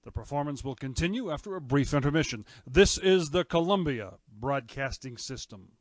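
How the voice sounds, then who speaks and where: A man as a formal, measured 1930s radio announcer with a mid-range voice. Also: medium pitch, expressive, no echo, close to an everyday voice.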